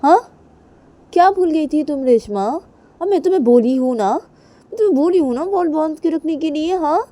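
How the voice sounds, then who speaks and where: A woman voicing Kajal, a hot-tempered young woman scolding her partner with loud repeated questions. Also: mid-range voice, moderate pace, slightly rough, close to an everyday voice. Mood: angry scolding. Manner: shouting angry questions, repeating "हाँ?".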